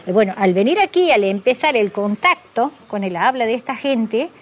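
A woman's voice: fairly high pitch, animated, moderate pace. A woman from Santiago del Estero with a local Argentine accent, explaining patiently as an interviewee and giving examples, often checking in with "¿has visto?". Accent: Santiago del Estero Argentine Spanish. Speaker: interviewee, Quichua teacher. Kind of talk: explanatory conversation.

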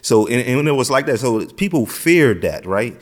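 With big pitch swings at a normal speed, a medium-pitched middle-aged American man shares his story as an interview guest. He keeps it casual and streetwise, repeating phrases and saying "you know what I'm saying" again and again.

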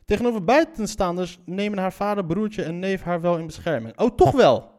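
Guy doing a reaction commentary, kinda high voice, blunt, swears a lot, keeps tripping over his words. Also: expressive, normal speed, darkish tone. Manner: blunt, incredulous, swears, stumbles and repeats words.

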